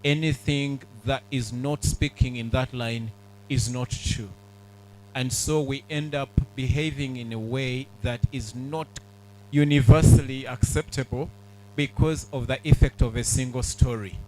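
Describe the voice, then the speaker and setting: A middle-aged man, giving an earnest, measured public speech at a book launch, with pauses and fillers. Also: mid-range voice, fairly even intonation, darkish tone, a little hiss or hum, rough recording. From Uganda.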